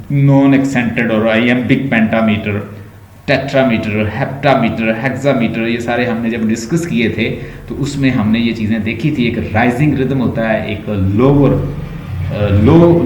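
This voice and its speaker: A man with a Pakistani Urdu accent teaching an online class, explaining slowly and repeating words to show how they sound. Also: mid-range voice, echoey room, a little hiss or hum, poor audio.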